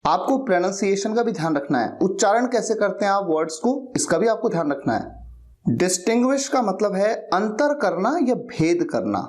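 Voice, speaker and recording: A man teaching English vocabulary, slowly reading example sentences aloud, repeating them and spelling words out. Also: high-pitched, big pitch swings, a little mellow. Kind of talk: vocabulary lesson.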